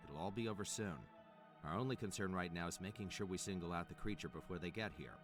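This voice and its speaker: Man acting a deep-voiced, steady game survivor. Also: fast talker, music in the background, close to an everyday voice. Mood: calm, firm. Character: Dean, calm firm male survivor taking charge.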